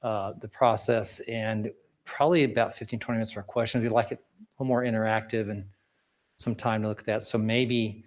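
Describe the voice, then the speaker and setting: A man with a fairly low voice talks through a face mask. He explains things in a polite, formal way, as a presenter addressing a board in a meeting. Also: steady tone, a little fast.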